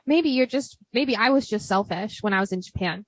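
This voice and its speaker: With a mid-range, expressive voice and a fairly quick pace, a young American woman hosts her podcast, chatting casually over drinks. She laughs a lot, leans on "like," and has a big voice, recorded without any echo.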